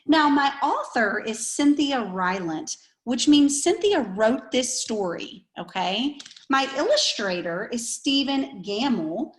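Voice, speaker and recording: Young woman, classroom teacher on video, slow sound-stretching delivery for little kids. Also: fairly high pitch. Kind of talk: kindergarten writing and read-aloud lesson.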